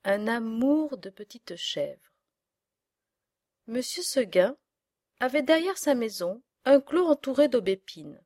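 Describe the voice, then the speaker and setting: A woman reading a storybook aloud in a measured, expressive way. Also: fairly high pitch, no room sound, studio quality.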